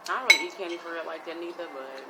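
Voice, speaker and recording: Woman, 30s, vlog host, low voice, easygoing, noisy home recording. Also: very fast. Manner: easygoing, prompting questions. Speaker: vlogger. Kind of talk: casual mukbang chat with her son.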